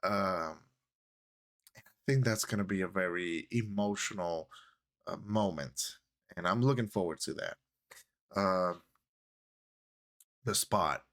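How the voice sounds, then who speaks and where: With a deep, fairly bright voice, a Spanish-speaking man vlogs slowly about a film he loved, leaving long pauses. His casual movie talk to camera is loaded with fillers and self-corrections.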